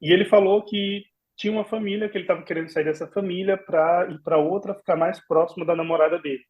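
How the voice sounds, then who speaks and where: Brazilian man, high voice, lively anecdote-teller who acts out every line of dialogue; slightly muffled, lo-fi sound. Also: fast. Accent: Brazilian Portuguese. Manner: animated, acts out remembered dialogue with laughs and exclamations. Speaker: podcast guest, former au pair. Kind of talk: casual storytelling in a podcast interview.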